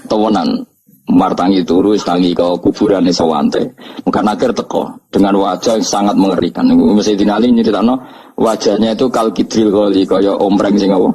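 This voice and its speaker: Javanese male preacher, mellow low voice, joking storyteller. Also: steady tone, moderate pace, slightly rough, rough recording. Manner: humorous storytelling, acts out quotes with raised pitch. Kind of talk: religious lecture.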